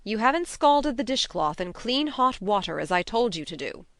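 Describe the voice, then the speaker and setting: Storybook stern older spinster guardian, played by a woman: plain-spoken, disapproving, very lively intonation, dry recording. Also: mid-range voice, brisk, no echo. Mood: immovable. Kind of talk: audiobook character reading.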